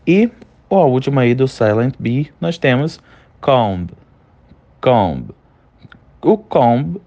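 A man teaching an English vocabulary lesson, modeling words slowly and checking in with short tags after each point. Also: mid-range voice, darkish tone. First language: Portuguese.

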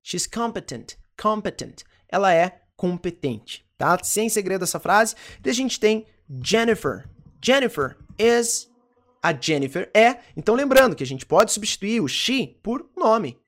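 An English teacher with a Brazilian Portuguese accent, giving a lesson and slowly repeating each phrase with frequent check-ins. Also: medium pitch, big pitch swings, fairly bright tone. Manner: slow careful repetition, frequent "ok?" check-ins. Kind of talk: online language lesson.

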